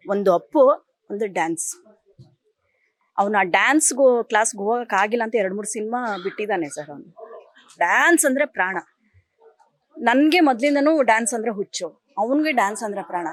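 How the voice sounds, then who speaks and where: Emotional middle-aged actress, tearful. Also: female voice, medium pitch, no echo. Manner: emotional, speaks of grief with pauses and restarts. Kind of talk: emotional interview.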